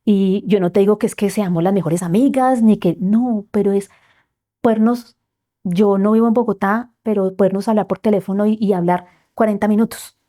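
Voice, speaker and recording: Warm-voiced woman telling her story. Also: mid-range voice, fairly even intonation, normal speed. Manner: heartfelt, drifting into soft near-whispers. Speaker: guest. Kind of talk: personal storytelling in a podcast interview.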